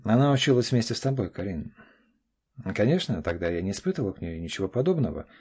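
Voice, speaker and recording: Man doing a curt middle-aged dad, dark husky voice, clipped, audiobook. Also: on the low side, big pitch swings, quick pace, heavily acted. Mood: firm. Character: middle-aged father, firm, curt, self-assured. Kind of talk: audiobook character voice.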